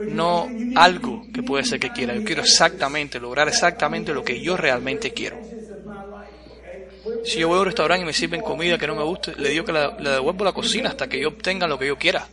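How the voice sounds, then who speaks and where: A man giving a blunt, forceful motivational speech to a live audience, asking rhetorical questions. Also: on the high side, a little fast. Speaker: motivational speaker. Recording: crowd audible behind.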